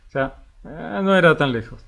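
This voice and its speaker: A man with an Argentine Spanish accent teaching a Bible study in a relaxed, conversational way, reading passages aloud and commenting on them. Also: a little high, moderate pace, vocal fry. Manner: conversational, often ends with a questioning tag and fills with a drawn filler; lively, reads scripture passages aloud between remarks.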